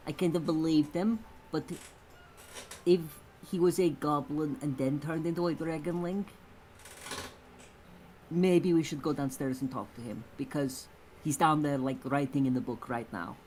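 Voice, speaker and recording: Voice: mid-range voice, measured pace, a little mellow, slight background noise, poor audio. A player in a tabletop game, talking casually with rambling restarts and boastful asides. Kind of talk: casual role-play chat.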